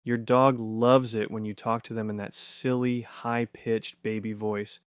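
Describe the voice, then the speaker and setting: A man giving scripted narration for an explainer video, punchy and conversational with quick rhetorical questions. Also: on the low side, little pitch movement, clean tone, dry recording, clean studio sound.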